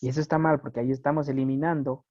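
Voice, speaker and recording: This teacher speaks very fast at a medium pitch with little pitch movement and a slightly mellow quality, in a dry recording. Lecturing his class, he keeps checking comprehension with tag questions like "right?", and the audio sounds muffled and lo-fi.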